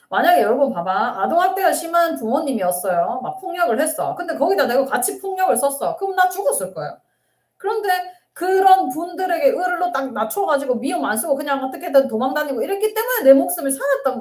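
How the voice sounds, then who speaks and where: A middle-aged woman counselor answering viewer questions in an earnest, emphatic live-stream talk. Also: high voice. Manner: earnest, emphatic, laughs and tears up while sharing.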